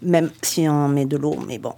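A woman's voice: low voice, normal speed, mellow, a little hiss or hum. A woman reading a playful, self-mocking radio column and bantering with the studio.

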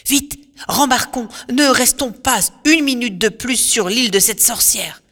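A woman's voice: a little high, a little slow, a bit bright, pitched above the performer's own voice. A woman voicing a frightened, breathless male sailor who urgently begs to flee, in a reverberant storybook recording with faint music behind. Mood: panicked pleading. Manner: urgent, pleading.

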